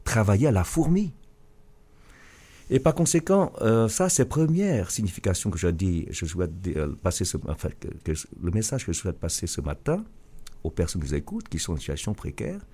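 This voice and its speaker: Earnest man with a low husky voice. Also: big pitch swings, warm tone. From Vietnam. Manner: earnest, halting with restarts. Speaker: author and business leader. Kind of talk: radio interview answer.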